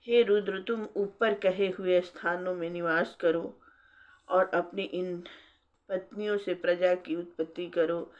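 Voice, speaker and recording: A woman's voice: lowish voice, steady tone, a little slow, lightly acted. A woman voicing a solemn male creator god who gives grave commands. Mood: commanding. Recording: dull lo-fi recording.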